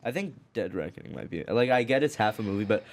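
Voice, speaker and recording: A young man co-hosting a podcast, chatting casually about films in a rambling, halting way full of fillers and restarts. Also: fairly low pitch, expressive. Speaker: podcast co-host. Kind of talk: casual film chat.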